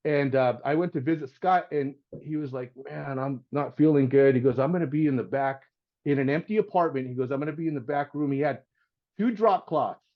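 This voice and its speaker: A man's voice: a little high, a little fast, highs cut off. A middle-aged man, a house painter and podcast guest, telling a story in a loose, casual way and acting out the voices of the people in it. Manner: animated storyteller, acts out voices, says "man" and "dude".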